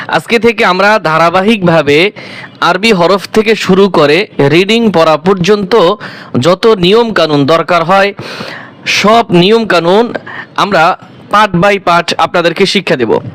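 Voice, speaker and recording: High-voiced male Quran teacher. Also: fairly bright tone. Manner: patient, repeats each letter aloud several times; asks the class questions and answers them himself. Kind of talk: step-by-step recitation lesson.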